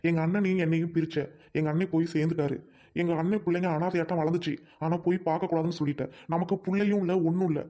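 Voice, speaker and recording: A woman doing a fast-talking weary husband. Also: fairly low pitch, steady tone, warm tone, natural voice. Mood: reproachful. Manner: fast, earnest, reproachful. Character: patient middle-aged husband, weary and pleading.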